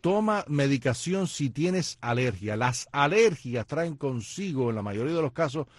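A man's voice: mid-range voice, sing-song, normal speed, dry recording. Man, casual co-host, joking, explanatory, dry sound. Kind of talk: casual chat.

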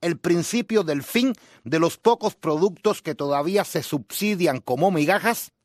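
A man's voice: on the high side, lively intonation, moderate pace, dry recording, clean studio sound. A male reporter narrating a news report with a pointed, critical tone.

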